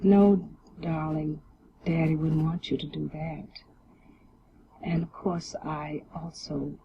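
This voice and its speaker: A woman speaks slowly and softly in a very low, gravelly voice with a dark tone. The old TV recording sounds dull and carries faint noise. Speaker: interviewee. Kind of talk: television interview.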